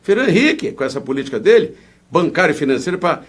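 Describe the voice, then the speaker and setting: A man's voice: on the high side, quick pace. A man with a Brazilian Portuguese accent speaking as a political candidate in an interview, in an indignant, emphatic, rambling way.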